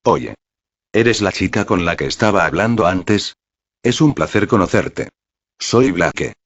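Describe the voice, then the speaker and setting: A man reading as a calm, soothing young woman. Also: sits low, a little slow, heavily acted. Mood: gentle. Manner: gentle, soothing. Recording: dull, dry lo-fi recording.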